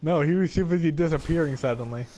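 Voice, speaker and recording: Gamer guy with a sore throat, slow and self-mocking, swears when he loses. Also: on the high side, warm tone. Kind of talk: casual gaming chat.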